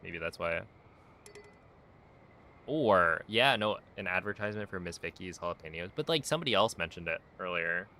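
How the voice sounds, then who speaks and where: A man's voice: low-pitched, lively intonation, moderate pace, pushed and bright, a little hiss or hum. A man streaming a speedrun, chatting casually and easygoingly while reacting to his viewers' messages. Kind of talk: casual live-stream chat.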